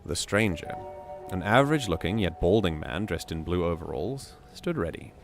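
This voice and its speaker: A man hosting a reading stream, reading a community story aloud in a measured way with joking asides. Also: deep voice, lively intonation, gravelly, over music.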